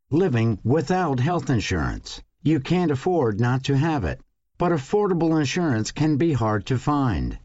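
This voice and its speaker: A man reading a scripted radio commercial as an announcer, with an emphatic sales-pitch delivery. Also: a little mellow, no room sound, muffled recording. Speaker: advertisement announcer.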